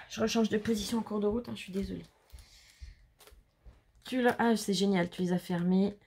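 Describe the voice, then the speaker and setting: A woman's voice: medium pitch, a little mellow. A woman from France, hosting a casual show-and-tell of handmade cards at home, chatty and gushing as she talks to her viewers. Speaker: scrapbooking channel host.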